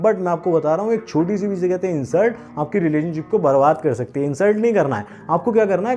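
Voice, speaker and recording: A man coaching viewers on dating in a talking-head lesson. His voice sits high but sounds mellow and soft-edged. He delivers his points emphatically, one numbered rule at a time. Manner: instructive, emphatic, numbered rules. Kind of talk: scripted talking-head advice.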